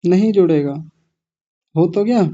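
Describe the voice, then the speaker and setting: In an online pronunciation class, a man with a high-pitched, mellow voice speaks without hurry, splitting words into syllables and gently correcting his students. His audio comes through a slightly muffled mic.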